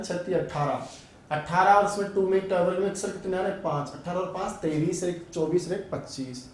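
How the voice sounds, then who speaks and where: A man's voice: sits high, a little mellow, a little hiss or hum. A male Sanskrit teacher giving an online grammar lesson, drilling sounds aloud and asking and answering his own questions. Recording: very echoey room, voice a bit far from mic.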